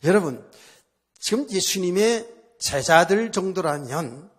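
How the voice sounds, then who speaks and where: High-voiced man preaching a sermon. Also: expressive, slow, husky. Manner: conversational preaching with rhetorical questions to the congregation; repeats phrases for emphasis. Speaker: pastor. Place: church service.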